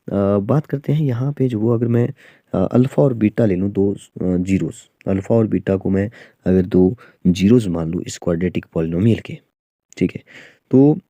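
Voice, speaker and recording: A man's voice: lowish voice, dark tone, dry recording. A man teaching a maths exam-prep lesson, explaining step by step with frequent fillers and checks like "okay". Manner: explains slowly with many fillers and "theek hai".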